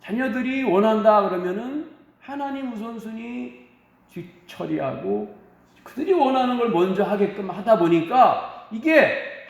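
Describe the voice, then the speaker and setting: A man pastor preaching a sermon, telling stories earnestly with dramatic pauses, heard in an echoey room. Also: high voice.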